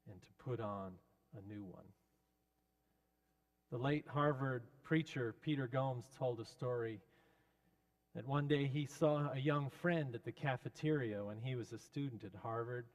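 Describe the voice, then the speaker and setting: A man gives a solemn pulpit sermon at a slow, deliberate pace in a mid-range voice. His delivery is reflective and measured, building on repeated phrases. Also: medium pitch, a little mellow. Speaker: preacher.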